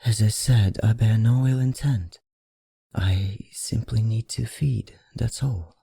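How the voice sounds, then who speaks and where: Playing a vampire librarian who teases and seduces in an ASMR roleplay, a performer uses a fake foreign accent and a husky, breathy voice, frequently whispering in slow, soothing, formal speech. The pitch is medium and the tone dark, fully in character, with no echo.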